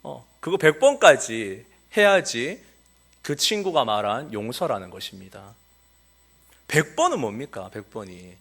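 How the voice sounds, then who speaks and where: Man, pastor, sermon, church, animated pitch, filler sounds, acted-out quotes. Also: measured pace, breathy edge. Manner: animated, acts out quoted voices of children and Jesus. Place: church sanctuary.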